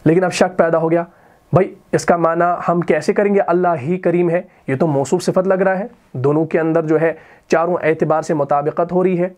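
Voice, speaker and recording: A man teaching Arabic grammar at a board, asking his own questions and repeating key words slowly for his students. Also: on the high side, steady tone, a little mellow. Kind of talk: recorded classroom lesson at a board.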